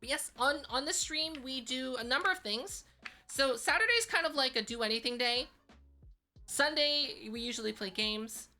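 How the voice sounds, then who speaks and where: A woman's voice: high voice, normal speed, sharp tone, faint music behind. A woman chatting casually as a virtual streamer on a live stream, with a cute, bubbly anime-streamer delivery. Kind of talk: casual livestream chat.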